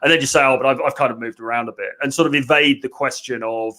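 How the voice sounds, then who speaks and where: A man's voice: mid-range voice, fairly even intonation, fast, pushed and bright. A man, hosting a casual podcast and talking through a listener's question with many hedges. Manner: chatty, hedging, answers listener questions. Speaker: dating coach host.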